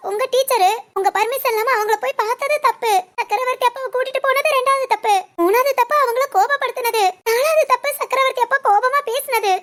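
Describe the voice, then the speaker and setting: A very high, girlish voice of an anxious young wife, played by a woman. She frets aloud and coaxes her husband in a pleading, playful way. It sounds like a storybook audio drama. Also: quick pace, few pauses, fairly bright tone. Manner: fretful self-talk, coaxing and pleading. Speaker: wife of a policeman.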